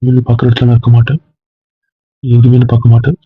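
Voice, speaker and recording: A man's voice: mid-range voice, monotone, racing, breathy edge, no echo, natural voice. A man playing a grief-stricken young husband who pleads and despairs over his guilt. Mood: despairing. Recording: muffled phone-like sound.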